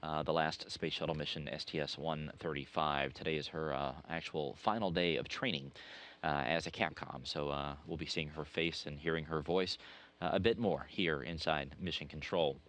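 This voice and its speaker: A deep-voiced American man delivers an informational update as a mission control commentator. He speaks in a semi-scripted way, often stopping mid-sentence to say uh. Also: steady tone, fairly bright tone. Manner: hesitant, frequent uh pauses mid-sentence.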